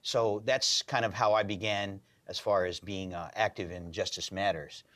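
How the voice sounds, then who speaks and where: Deep-voiced man in his fifties. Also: steady tone, normal speed, fairly bright tone, no echo. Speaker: guest, community activist. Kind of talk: TV studio interview.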